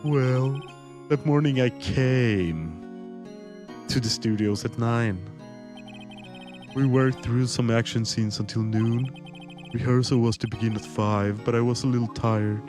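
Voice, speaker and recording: A meek, earnest male actor, as a man plays him, explaining himself with small hesitations in a game fan dub. His voice sits at an ordinary middle pitch. Music plays clearly behind him. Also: slow, long pauses, natural voice. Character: mild, sheepish male actor suspect.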